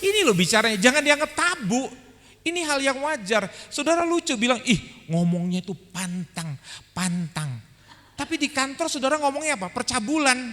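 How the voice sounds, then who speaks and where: A male pastor giving a humorous sermon at a seminar, telling animated stories and speaking straight to the audience in a large hall. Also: very high-pitched. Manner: animated storyteller, addresses audience directly. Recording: echoey hall with faint music.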